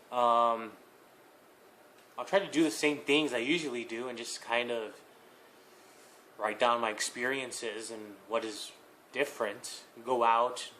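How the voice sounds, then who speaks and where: A young man answering viewer questions in a casual vlog, hesitant, with many fillers, pauses and small laughs. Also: mid-range voice, steady tone, sharp tone, a little hiss or hum.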